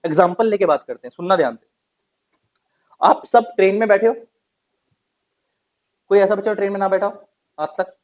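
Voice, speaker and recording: A high-pitched man lectures on law at a moderate pace with long pauses, recorded in lo-fi sound. He keeps it conversational, mixing Hindi and English terms and answering the questions he puts to his students.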